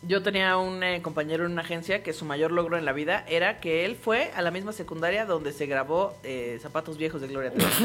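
A woman's voice: lowish voice, brisk, a bit bright. A woman with a Mexico City accent, telling anecdotes in a casual, slangy chat. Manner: storytelling, laughing, slangy.

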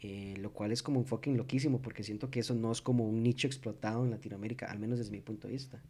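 A man's voice: on the low side, steady tone, racing, darkish tone. A young man with a Costa Rican accent chatting casually with friends, slangy and loose, dropping English swear words into his talk. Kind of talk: casual group chat.

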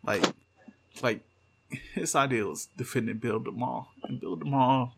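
A man's voice: medium pitch, unhurried, gravelly, noisy background. A man co-hosting a podcast in loose, profane casual chat, often reading quotes aloud. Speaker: podcast co-host.

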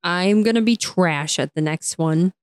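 A woman's voice: on the low side, unhurried, clear, resonant tone, no room sound. A woman in casual chat trying tongue twisters, laughing often between words.

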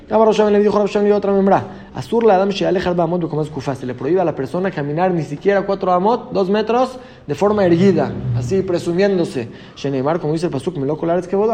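High-voiced man teaching Talmud. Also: slight background noise. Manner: reads a phrase then explains it, steady explanatory rhythm. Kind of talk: daf yomi lesson, reading Aramaic and translating.

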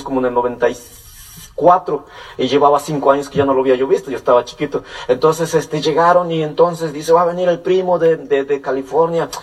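A man's voice: medium pitch, recorded from a distance. A man from Puebla with a Mexican accent, telling his life story in a rambling, casual way full of fillers and restarts. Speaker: guest telling his testimony.

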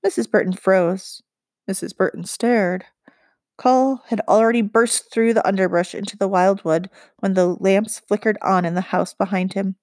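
A woman reading a children's book aloud with expressive, measured narration. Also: medium pitch, no room sound, clean studio sound. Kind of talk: storybook read-aloud narration.

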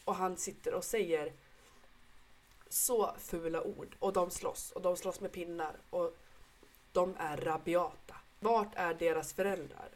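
Lower-pitched woman telling stories. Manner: lively storyteller who swears. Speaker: podcast co-host; mother of a young son. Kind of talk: casual chat.

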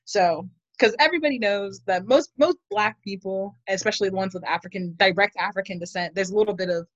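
A young woman from Maryland, USA, with a Maryland accent co-hosts a podcast, chatting casually in a playful, teasing way full of slang. Her medium-pitched voice runs a little fast, and the recording is dry and dull-sounding.

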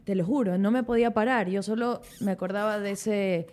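A young woman co-hosting a casual talk show, telling stories with quick restarts. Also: medium pitch. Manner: animated storyteller, quick restarts. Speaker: co-host. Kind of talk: casual chat.

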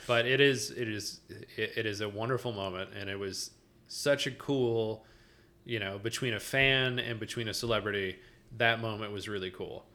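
A podcast co-host chats casually and with enthusiasm, rambling and restarting often. His voice is lowish and sharp, with a steady tone and a moderate pace.

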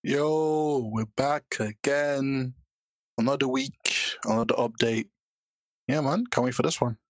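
A man's voice: medium pitch, measured pace, dry recording. A male podcast co-host talks. His delivery is informal and slangy, recorded very dry without room sound. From Britain. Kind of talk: casual podcast chat.

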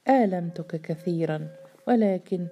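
A woman's voice: fairly low pitch, unhurried, warm tone, slight background noise. A woman voicing a frail, dying young wife who speaks weakly and tenderly, in a read-aloud novel. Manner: weak, faint speech.

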